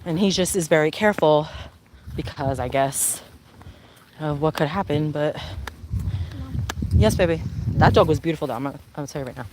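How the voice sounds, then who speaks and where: A woman's voice: sits low, fairly quick, pauses often, background noise. A woman chatting casually on a live stream while walking her dog outdoors, rambling and answering viewer comments. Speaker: vlogger and mother.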